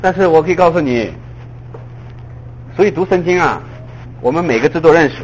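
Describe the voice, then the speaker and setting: Husky high-voiced male preacher. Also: a little fast, dull audio. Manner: lively, full of rhetorical questions; chuckles at his own points. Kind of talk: sermon.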